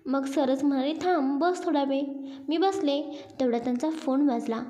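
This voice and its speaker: A woman voicing a shy young female office worker who speaks bashfully and softly. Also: sits high, normal speed, faint music behind, natural voice. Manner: bashful, hushed, telling a story.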